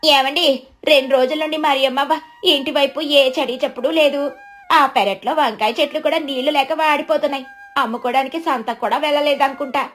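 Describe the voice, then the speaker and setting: A woman's voice: high voice, natural voice. A woman doing an anxious young village wife. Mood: worried. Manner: anxious, fast, urgent. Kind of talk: storybook narration.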